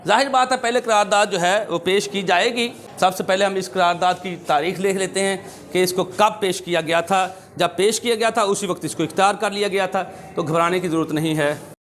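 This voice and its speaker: A man with a Pakistani accent teaching a school English lesson, repeating each phrase slowly and reading English lines deliberately. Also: high voice, fairly bright tone, a little hiss or hum. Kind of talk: exam-prep lesson for schoolchildren.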